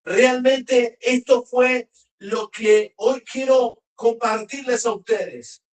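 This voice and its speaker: A preacher delivering a sermon, slowing and raising the voice to read verses aloud. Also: mid-range voice. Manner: emphatic, slows and raises voice when reading verses. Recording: roomy hall, voice from a distance.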